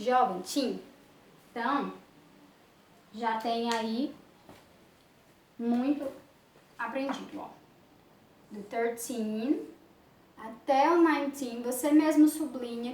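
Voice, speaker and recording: A woman English teacher giving a slow, patient lesson, drawing out her explanations. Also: high voice. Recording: echoey room with faint ambience.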